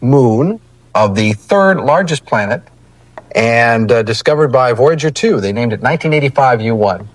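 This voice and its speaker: A male TV weather presenter delivering a live report haltingly, trying not to laugh and chuckling through his words. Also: mid-range voice, expressive, no room sound.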